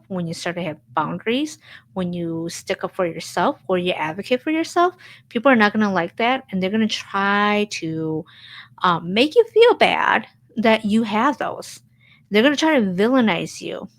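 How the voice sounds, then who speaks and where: A woman hosting her own channel, talking earnestly about standing up for yourself and repeating her key phrases for emphasis. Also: medium pitch. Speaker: channel host. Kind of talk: personal motivational vlog.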